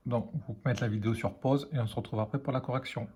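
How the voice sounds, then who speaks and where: A man's voice: mid-range voice, fairly even intonation, fast, warm tone, breathy edge. A French man teaching a children's reading lesson, sounding out words letter by letter and syllable by syllable.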